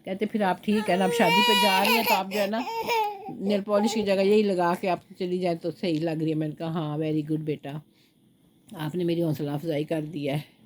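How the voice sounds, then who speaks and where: A woman's voice: lowish voice, moderate pace, background noise. Chatty older grandmother with a sore throat. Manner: chatty, rambling storytelling, baby talk to the grandchild. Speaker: home vlogger and grandmother. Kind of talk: casual home vlog chat. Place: at home, indoors, sitting with a baby.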